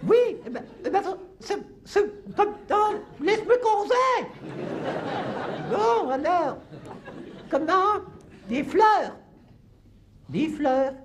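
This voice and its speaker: Man in drag doing a very high, slow-talking old farm granny, live audience laughing. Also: very animated, a faint crowd, full character voice. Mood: grumbling. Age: over 70. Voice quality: shrill, quavering, cackling. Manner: rambling, chatty, scolding. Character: cantankerous old countrywoman, stubborn and gossipy. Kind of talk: live stage comedy sketch.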